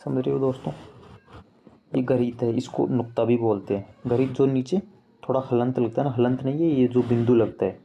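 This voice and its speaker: A man teaching Hindi grammar in a casual online lesson, explaining slowly and repeating examples as he addresses viewers as friends. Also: medium pitch, fairly even intonation, vocal fry, muffled recording, slight background noise. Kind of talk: casual screen-share lesson.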